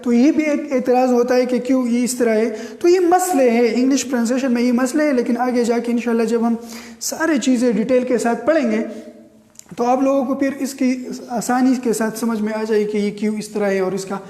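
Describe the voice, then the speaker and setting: High-voiced male teacher in an echoey room. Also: fairly even intonation, dark tone. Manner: repeats words and asks the class rhetorical questions. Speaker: English pronunciation teacher. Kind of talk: classroom lecture. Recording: echoey room with long reverb.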